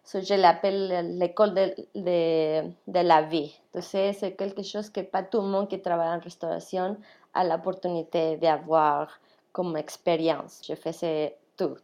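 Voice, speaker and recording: Speaking with a Mexican Spanish accent, a restaurant worker from Mexico chats through her story in an interview, mixing in English words and laughing frequently. Her voice is lowish, mellow, and unhurried, with a steady tone.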